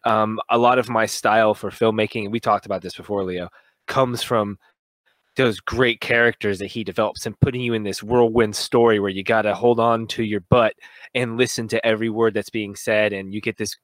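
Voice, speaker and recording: A man co-hosting a casual movie review, talking in an excited, rambling way and often correcting himself. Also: on the low side, moderate pace, no echo. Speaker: film review co-host.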